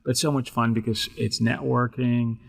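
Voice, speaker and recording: A man's voice: mid-range voice, flat delivery, moderate pace, creaky. A man in his forties from the Netherlands with a Dutch accent, speaking as a guest in an interview with enthusiastic, chatty energy. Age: 40s. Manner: enthusiastic, chatty, tags statements with "right?". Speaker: guest, sports management professor. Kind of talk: podcast interview.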